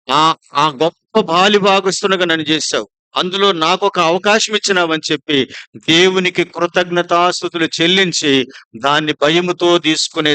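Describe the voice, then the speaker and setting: Speaking in a voice that sits high with a sharp edge, this Telugu-accented pastor from Andhra Pradesh delivers a sermon in a prayer house. He poses rhetorical question after rhetorical question to the congregation. His tone is clear and resonant, and there is no echo.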